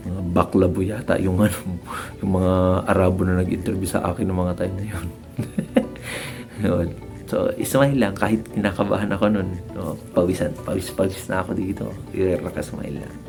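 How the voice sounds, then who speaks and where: A man's voice: sits low, gravelly. A man from the Philippines chatting casually to viewers about working abroad, acting out bits of dialogue. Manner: chatty, acts out dialogue in raised voices, frequent laughs. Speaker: vlogger sharing work-abroad experience.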